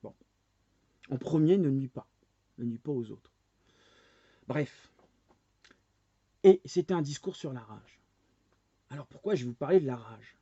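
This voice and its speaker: A man's voice: mid-range voice, animated, unhurried, long pauses, dark tone, slightly rough, dry recording. A man in his forties ranting angrily to camera, hammering his audience with rhetorical questions. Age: 40s. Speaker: vlogger. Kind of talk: angry monologue rant. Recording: dull lo-fi dry recording.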